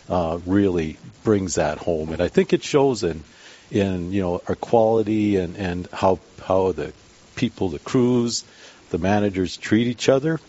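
A man giving a casual, plainspoken interview answer as a business guest, halting and rambling a little. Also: sits low, darkish tone. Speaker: round-table guest, business owner. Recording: dull band-limited radio sound.

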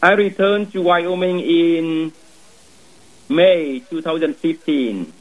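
A man's voice: a little high, takes it slowly, phone-quality sound. A man in his thirties from Vietnam, a priest speaking English with a Vietnamese accent, earnestly telling his vocation story.

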